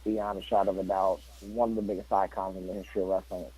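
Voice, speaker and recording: A man's voice: sits low, flat delivery, quick pace, dark tone, husky, poor audio. A man co-hosting a podcast in casual chat, rambling with lots of fillers. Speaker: podcast co-host.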